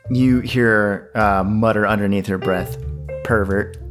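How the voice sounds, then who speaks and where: A man with a fairly low voice narrates a tabletop role-playing game as its game master. He feels his way through the scene haltingly. Faint guitar music plays underneath. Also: steady tone. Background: soft guitar music.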